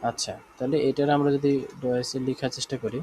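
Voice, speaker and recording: A man with a Bangladeshi Bengali accent teaching a live online German class, explaining slowly, repeating himself and often checking that students follow. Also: mid-range voice, little pitch movement, a little mellow, slight background noise, low-quality recording.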